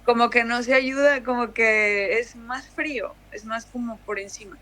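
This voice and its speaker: Brief: young woman, Mexican accent, relaxed chatty guest, restarts often. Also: a little high, moderate pace. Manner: chatty, many fillers and restarts. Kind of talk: casual conversation.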